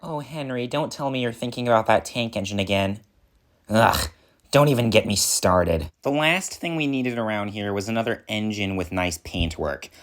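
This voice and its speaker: A man's voice: fairly low pitch, normal speed, close to an everyday voice. A man voicing a vain, jealous male engine who complains in an exasperated, dramatic, sarcastic way, in a fan audio drama.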